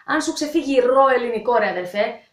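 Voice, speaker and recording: A woman from Greece hosts a casual video lesson, talking directly and chattily to her students. Her voice sits high, and a roomy echo hangs around it. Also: lively intonation. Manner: chatty, direct, addresses viewers as kids. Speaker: English teacher and channel host.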